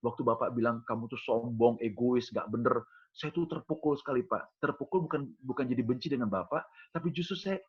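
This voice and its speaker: A man's voice: mid-range voice, brisk, breathy edge. A male pastor giving a conversational sermon, telling a story in colloquial speech and acting out the dialogue. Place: church. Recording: dull lo-fi recording.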